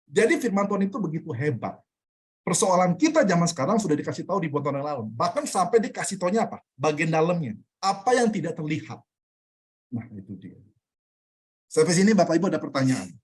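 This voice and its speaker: A man teaching an online Bible study in a casual way, asking the group rhetorical questions and repeating key phrases, heard over a video call. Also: high voice.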